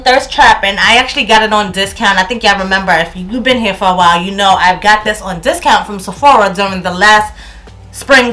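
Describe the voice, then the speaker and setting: This New York woman in her thirties, a beauty vlogger, talks through a product review indoors at home, her accent clearly local. The pitch is medium and the tone fairly bright, and she's chatty, laughing a lot and restarting when words slip away.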